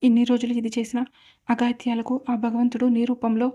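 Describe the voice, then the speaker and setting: A woman's voice: on the high side, monotone, fairly quick, mellow, close to an everyday voice. A woman voicing an aggrieved, tearful old grandmother in a storybook drama, lamenting her family's troubles. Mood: bitter.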